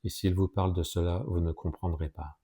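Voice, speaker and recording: A man voicing a calm, self-assured doctor who gives his orders in a commanding way. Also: low voice, a little fast, slightly rough, no room sound, studio quality.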